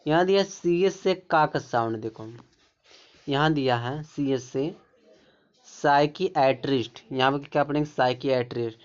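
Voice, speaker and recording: A man's voice: on the high side, a little slow. Man teaching pronunciation, dull lo-fi sound. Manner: repetitive, keeps pointing things out. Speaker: English teacher. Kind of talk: explaining pronunciation rules. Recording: dull lo-fi recording.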